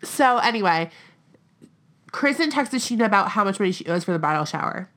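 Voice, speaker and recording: American woman with vocal fry, blunt podcast chat. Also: mid-range voice, expressive, a little fast, fairly bright tone. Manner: blunt, profane, peppered with "like". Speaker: podcast co-host. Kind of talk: casual podcast chat about reality TV.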